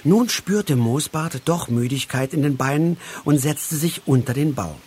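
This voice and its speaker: A man narrating a storybook, reading aloud slowly and expressively. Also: fairly high pitch, expressive, a little mellow, slight background noise.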